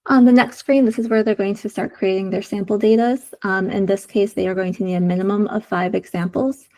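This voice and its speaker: In a community meeting screen-share walkthrough over video call, a woman presents design prototypes step by step, filling pauses often. She has a sore throat and is losing her voice; it's medium-pitched and dark, with fairly even intonation and a brisk pace.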